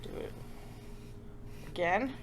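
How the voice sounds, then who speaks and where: Speaking slowly over slight background noise, a woman runs a children's craft tutorial as the show's host. She keeps it casual and chatty, with lighthearted self-mockery and frequent questions checking in on viewers.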